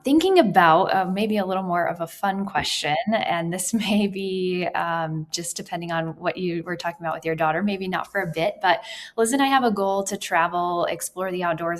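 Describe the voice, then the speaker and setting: A woman co-hosts a podcast in a friendly, easygoing manner, her voice a little low. She keeps the chat light and relaxed. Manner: friendly, easygoing, laughs along. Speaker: podcast co-host. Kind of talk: casual interview conversation.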